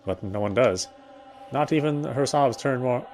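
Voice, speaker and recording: Unhurried and slightly dark in tone, a man's mid-range voice comes through with a bit of background noise. He's playing a visual novel and reading the first-person story aloud with care, sometimes faltering and correcting himself.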